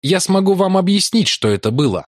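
A man's voice: sits high, a little fast, no echo, pitched above the performer's own voice. Man doing Throckmartin, a haunted, grieving explorer. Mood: resolved. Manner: urgent, pleading, at times flat and numb. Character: haunted middle-aged male explorer, grief-stricken, intense. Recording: dry close studio sound.

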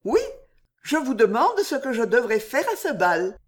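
Reader doing a trembling young woman, breathless, stammering, raised pitch. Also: sing-song, normal speed. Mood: anxious. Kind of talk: audiobook reading.

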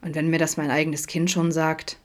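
Woman doing a quiet, worn-down dad in a storybook, low soft voice. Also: level tone, normal speed, lightly acted. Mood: subdued. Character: middle-aged father, shy, troubled, self-critical.

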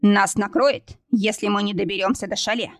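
A woman's voice: medium pitch, steady tone, normal speed, dry recording, studio quality, close to an everyday voice. A woman voicing a stern young man who barks urgent orders through a storm. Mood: commanding.

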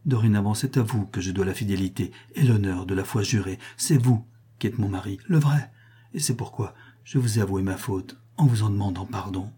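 A man's voice: on the low side, a little fast, dark tone, husky. A man reading aloud, voicing a proud, passionate young woman in an impassioned, raised voice. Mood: vehement.

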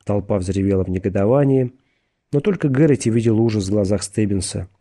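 A man reading a thriller audiobook in a measured, steady narration. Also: fairly low pitch.

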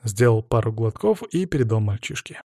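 Male first-person audiobook narrator, animated intonation, dry studio sound. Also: on the low side, normal speed, no echo. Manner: expressive, varied storytelling.

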